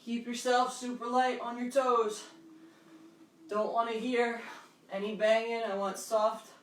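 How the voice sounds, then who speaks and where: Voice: mid-range voice, little pitch movement, unhurried, slight background noise. An aerobics instructor leading a workout, counting out moves and cueing them in short, encouraging phrases. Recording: echoey room, distant microphone.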